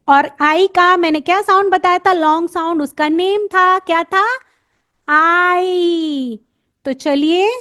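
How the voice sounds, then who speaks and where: An Indian woman teaches phonics in a high, bright voice. She moves at an unhurried pace, stretching out each letter sound and pausing to ask the listener what comes next. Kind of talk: lesson for parents and teachers.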